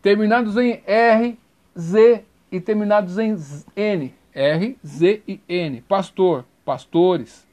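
High-pitched man, a teacher who spells words letter by letter at an unhurried pace. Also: darkish tone. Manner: spells out letters and repeats rules slowly. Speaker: grammar teacher. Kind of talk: recorded grammar lesson.

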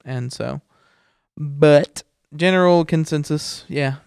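A man hosting a casual podcast, talking in an informal, halting, self-deprecating way, close on the microphone. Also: on the high side, gravelly, a little mellow, clear, resonant tone, no room sound. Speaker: podcast host. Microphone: close podcast microphone into a mixer.

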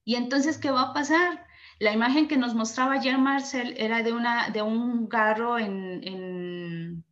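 Woman, motivational speaker, earnest, direct, higher voice. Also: unhurried, a bit bright, lo-fi sound. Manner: earnest, addresses listener directly. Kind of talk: motivational talk with acted stories.

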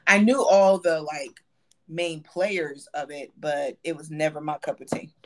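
A woman's voice: low voice, steady tone, measured pace. A woman co-hosting a casual pop culture podcast, blunt and sardonic, swearing casually. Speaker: podcast co-host.

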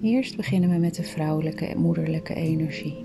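A woman guiding a meditation in a soft, soothing voice that often drops to a breathy whisper. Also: low-pitched, brisk, over music. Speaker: meditation guide. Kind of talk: guided meditation.

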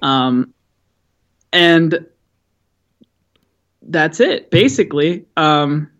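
A man's voice: fairly high pitch, animated, very slow, a bit bright, dull audio. A man guesting on a movie podcast in casual chat, laughing often, with many ums and restarts.

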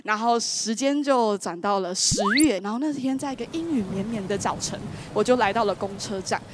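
A woman, telling a personal story in an animated, exclamatory way. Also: fairly high pitch, a little fast, very noisy. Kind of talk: lively storytelling. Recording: voice over loud background music. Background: background music.

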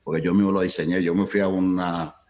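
A man in his sixties from Colombia, a guest telling lively anecdotes in an interview and mixing Spanish and English as he acts out dialogue. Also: low-pitched, quick pace. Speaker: guest, entertainment entrepreneur. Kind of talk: storytelling in a conversational interview.

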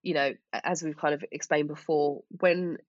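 Low-voiced Essex woman chatting casually. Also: steady tone, moderate pace, no echo, lo-fi sound. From Essex, England. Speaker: podcast guest, small business owner. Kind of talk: casual interview chat.

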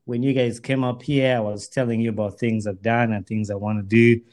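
A man's voice: medium pitch, little pitch movement, brisk, darkish tone. A man talking casually and from the heart with a friend, earnest and repeating phrases as he builds his point.

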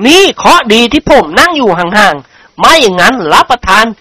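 A man voicing a flustered loud young servant. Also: very high voice, big pitch swings, moderate pace, no room sound, voice pushed up, full character voice. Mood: protesting. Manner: protesting, deferential.

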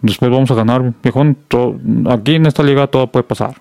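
A man's voice: medium pitch, fairly quick, darkish tone, dry recording. A man co-hosting, joking in casual slang. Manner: slangy, playful, defensive of his team. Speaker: co-host. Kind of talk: casual banter.

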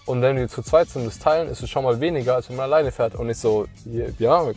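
A young man telling a story in casual chat, slangy and animated, acting out the people in it. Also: medium pitch, quick pace, soft background music.

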